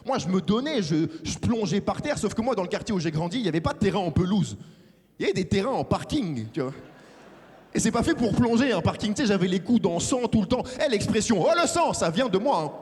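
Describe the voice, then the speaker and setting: A young man from France doing a lively stand-up comedy set, acting out characters in a big theater. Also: high voice, fast. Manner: animated, acts out characters. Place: large theater stage with audience. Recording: live hall reverb.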